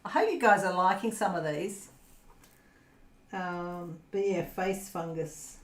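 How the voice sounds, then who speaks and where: An Australian woman chats slowly and easily with her livestream viewers, drifting off into fillers and frequent giggles. Her voice sits at an ordinary middle pitch. The room around her gives the sound a noticeable echo. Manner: giggly, rambling, many fillers. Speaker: crafting channel host. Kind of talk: casual livestream chat with viewers. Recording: roomy echo.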